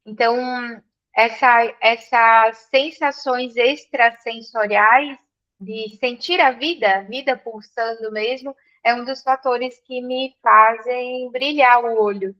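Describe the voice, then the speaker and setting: An interview guest and business mentee from Serra Gaúcha, Rio Grande do Sul, talks reflectively in a gaúcho accent, leaning on repeated phrases for emphasis. Her slightly high voice keeps a steady tone and a slow pace, recorded with lo-fi sound.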